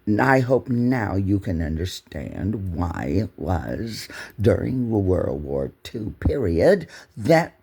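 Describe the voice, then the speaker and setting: Indignant male commentator, low rough voice with swooping pitch, talks slowly. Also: sing-song, darkish tone. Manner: indignant, repeats phrases for emphasis. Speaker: political commentator. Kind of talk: angry running commentary over news clips.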